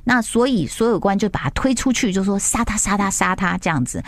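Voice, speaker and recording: A woman hosting a casual chat show, telling a story in an animated way and acting out the quotes. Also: mid-range voice, brisk. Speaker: host.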